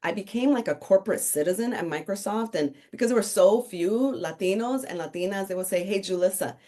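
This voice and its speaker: In a casual podcast interview, a middle-aged woman from the Dominican Republic, an author and consultant, jokes about her career path. Her medium-pitched voice is animated and dark in tone, and she speaks fairly quickly.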